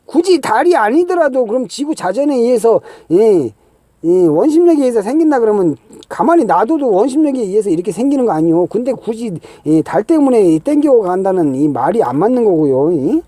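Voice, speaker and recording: A man's voice: high-pitched, very animated, brisk, dark tone, no echo. A middle-aged man, talking through a rambling, exasperated explanation, full of fillers and rhetorical "huh?" checks. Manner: exasperated, scoffing, filler-heavy with constant "ye" and "eung?". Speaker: channel host.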